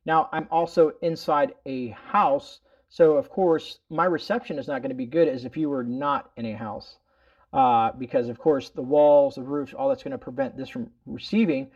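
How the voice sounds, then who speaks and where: Indoors in a room at home, a middle-aged man who hosts a prepping product review channel demonstrates a product casually, explaining in an informal, rambling way full of verbal tags. His mid-range voice has a darkish tone at normal speed, and the audio is dull.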